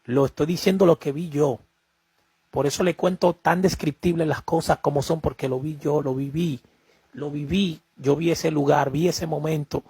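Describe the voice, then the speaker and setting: A man's voice: a little high, steady tone, normal speed, a little mellow, slightly rough, no echo. A man giving a personal religious testimony to camera, emphatic and repetitive, often addressing the listener as beloved. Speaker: preacher sharing a vision.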